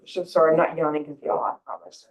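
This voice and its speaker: Joking woman with a lively voice. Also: low-pitched, roomy sound. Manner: joking, quick to laugh. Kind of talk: casual chat. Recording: dull, lo-fi sound.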